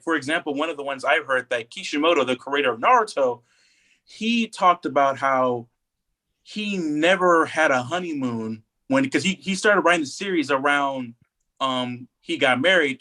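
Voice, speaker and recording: A man co-hosts a podcast, his voice a little high with a sharp tone. The chat is casual and eager, and he hammers his points through emphatic repetition.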